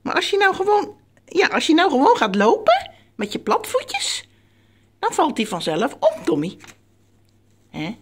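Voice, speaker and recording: A woman, chatting playfully to her pet birds, coaxing them in a sing-song way with high squeals of praise. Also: huge pitch swings, normal speed. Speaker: pet bird owner filming her birds.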